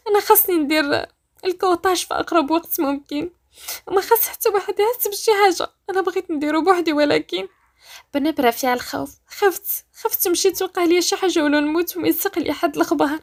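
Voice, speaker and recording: A woman with a Moroccan accent voicing a frightened, desperate pregnant young woman who pleads and shouts through tears. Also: very high-pitched, voice pushed up. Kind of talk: storytelling voice-acting.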